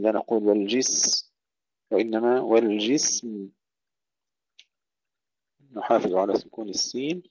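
A man teaches Quranic recitation in a lowish, mellow voice. He drawls short verse fragments slowly and a bit louder, then explains each rule calmly. The recording is dry and a little dull. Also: no echo.

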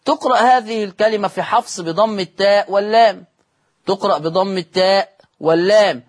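A man's voice: sits high, a little fast. A man with an Egyptian accent teaching Quran recitation rules in a televised lesson, repeating key points and asking his students questions he then answers himself. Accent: Egyptian Arabic. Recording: studio broadcast.

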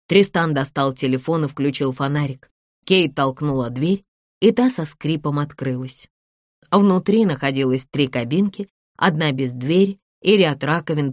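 A woman reading a thriller audiobook in a steady, measured way. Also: deep voice, no room sound, clean studio sound. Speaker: audiobook narrator. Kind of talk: scripted thriller narration.

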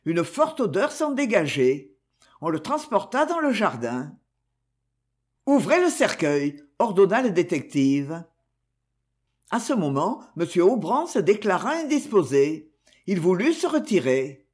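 A man reads a detective novel aloud with a theatrical flair. His voice sits high and moves animatedly through its range, turning the narration into lively storytelling. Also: unhurried. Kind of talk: audiobook reading.

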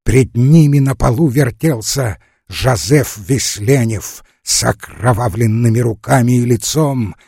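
Slow, husky male audiobook narrator. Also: medium pitch, darkish tone, dry recording, studio quality. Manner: dramatic, building tension. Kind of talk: scripted narration of a classic novel.

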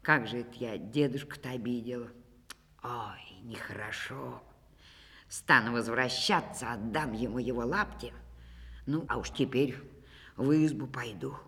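A woman's voice: rumbling low, measured pace, fairly bright tone, big-room sound, voice pushed down, full character voice. A woman voicing a frightened, bumbling peasant man in a folk tale. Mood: rueful.

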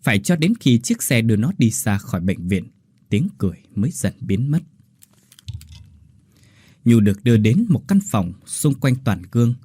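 A man's voice: mid-range voice, sing-song, normal speed, long pauses, dark tone, dry recording, clean studio sound. A man narrating a horror story with dramatic delivery. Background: faint music.

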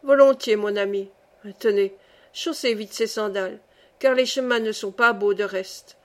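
A woman's voice: mid-range voice, normal speed, lightly acted. A woman voicing a kindly old male saint who keeps the gate of heaven, speaking in a genial, reassuring way.

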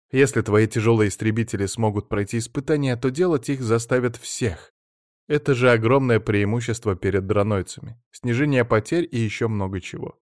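A man's voice: medium pitch, dry recording, clean studio sound, lightly acted. Shrewd practical mother, voiced by a man. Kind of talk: audiobook reading.

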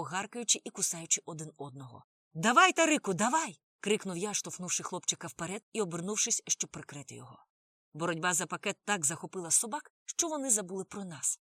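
A woman's voice: lowish voice, no room sound, clean studio sound. Woman reading a novel aloud dramatically. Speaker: audiobook narrator.

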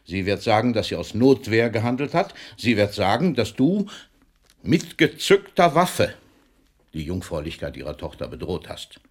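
In a German radio drama, a man performs an older, famous poet who is theatrical, mocking, and fatherly toward a young postman. His low, husky voice is sing-song and declamatory at a moderate pace, swinging between booming outbursts and whispers. The mood is teasing, laced with dramatic warning.

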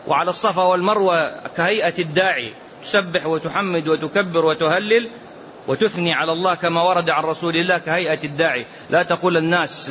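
A sheikh teaches a religious lesson explaining a poem, speaking emphatically, repeating phrases and drawing out the verses he quotes. His male voice sits on the high side, bright and forceful. It's a dull lo-fi lecture recording with faint ambience and slight background noise.

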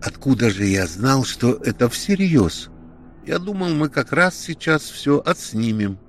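A man's voice: mid-range voice, very animated, slight background noise, pitched above the performer's own voice. A man voicing a flustered young man who mumbles in a daze. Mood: defensive. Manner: hurried, mumbling.

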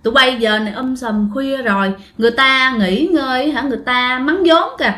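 Brief: woman playing a grumpy innkeeper, scolding, high voice, roomy sound. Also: a little fast, sharp tone. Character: grumpy guesthouse owner scolding noisy guests.

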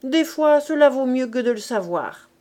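A woman voicing a cheeky, brash street boy in a storybook reading, talking loudly and jauntily in a raised voice. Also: lively intonation, moderate pace. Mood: cocky. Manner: loud, jaunty, raised pitch.

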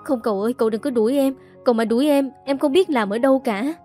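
A woman's voice: high-pitched, quick pace, warm tone, soft background music. Woman putting on a young maid, defiant then pleading. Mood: panicked pleading. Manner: stammering, whining when scared.

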